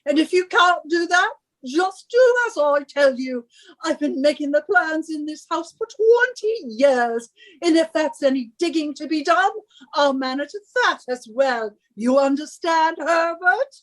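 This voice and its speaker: Playing a professor's bossy, nagging British wife in a suspense radio play, a woman scolds and henpecks with imperious scorn and impatience. Her high voice is animated and fairly bright at a measured pace, on a rough recording.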